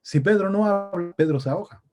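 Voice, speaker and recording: A man's voice: sits high, brisk, darkish tone, soft background music. A man from Chile with a Chilean accent preaching a sermon, talking in a conversational way and asking his listeners questions. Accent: Chilean Spanish. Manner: conversational, asks the congregation questions. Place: church meeting room.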